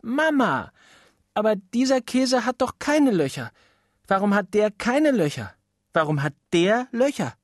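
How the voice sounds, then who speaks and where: Ein Mann spricht in einer Hörbuchlesung einen neugierigen, trotzigen kleinen Jungen, der quengelnd immer wieder nachfragt. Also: male voice, high-pitched, sing-song, measured pace, no echo, studio quality, voice pushed up, heavily acted. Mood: whiny insistent. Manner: whiny, insistent questioning. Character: curious stubborn little boy.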